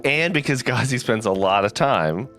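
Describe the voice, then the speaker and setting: A man's voice: medium pitch, lively intonation, normal speed, fairly bright tone, soft background music. A man bantering playfully and casually as a player on a tabletop game podcast.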